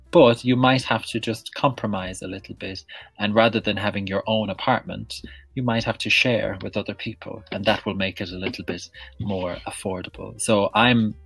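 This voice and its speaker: An Irish man in his thirties talks easily in a casual interview, laughing often and pausing on ums. His voice sits very low and sounds close and dry, with faint music underneath. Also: creaky, a bit bright, slightly rough, no room sound. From west of Ireland. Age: 30s. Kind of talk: casual conversation.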